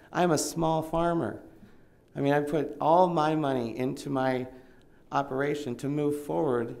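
Seated before a table mic in a county commission hearing room, this middle-aged Oregon farmer speaks in a creaky, darkish, medium-pitched voice. His comment is earnest, rambling and plain-spoken, a heartfelt plea to the county.

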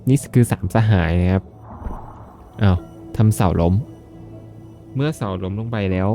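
A man's voice: low-pitched, a little slow, mellow, soft background music. A man giving chatty, jokey let's-play commentary with polite sentence endings as he plays a farming game. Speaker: gaming video host.

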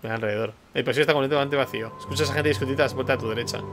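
A man hosting a gaming channel, casually reading a text adventure aloud in a brisk manner. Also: mid-range voice, fairly even intonation, over music.

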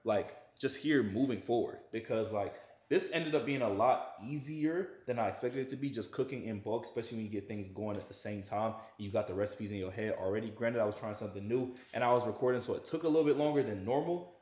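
A young fitness vlogger talks casually to camera while cooking in a large home kitchen, slangy and laid-back. His voice sits on the low side, a little mellow, and he talks fast. The kitchen room sounds echoey.

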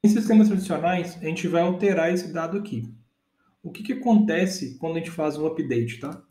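A man in his thirties with a Brazilian Portuguese accent teaches a casual data engineering lesson in an echoey room. His voice is fairly high and warm at normal speed. He goes step by step and often checks that listeners are following.

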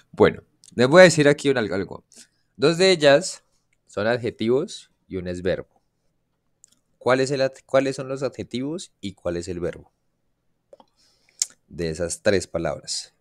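A man teaching a class, explaining grammar and constantly asking his students questions to check they follow. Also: lowish voice. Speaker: English teacher. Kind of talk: classroom lesson.

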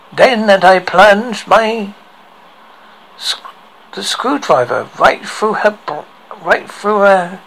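A man voicing a deranged, tormented killer in a creaky, gravelly voice, telling a horror story with slow, halting, theatrical delivery on an amateur recording. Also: sits high, a bit bright, voice pushed up, full character voice, poor audio. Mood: gloating. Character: deranged male killer tormented by worms in his head. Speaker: horror host. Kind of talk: dramatic horror story recital.

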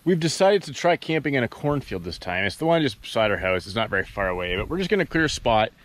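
A man's voice: medium pitch, very animated, quick pace, a little hiss or hum. A man in his thirties making a casual camping vlog, chatting to the camera with lots of ums and uhs, outdoors beside a cornfield. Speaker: outdoor vlogger and dad. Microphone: handheld action camera at arm's length.

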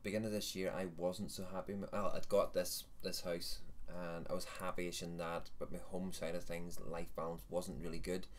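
Deep-voiced Northern Irish man, rambling casual chat, self-correcting, light background noise. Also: level tone, normal speed, hardly any pauses. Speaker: host of a vaping livestream.

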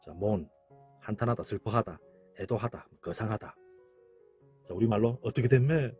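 A man giving an informal lecture as a channel host, talking in an animated way, repeating phrases and acting out exclamations. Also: fairly low pitch, moderate pace, breathy edge, faint music behind. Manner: animated, repetitive, acts out quoted exclamations. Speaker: channel host explaining word comparisons.

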